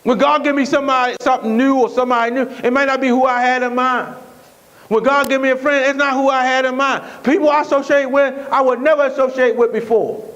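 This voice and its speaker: A man's voice: very high voice, flat delivery, fast talker, a bit bright, muffled recording. A male pastor preaching a sermon in a conversational, repetitive way, often restarting his sentences.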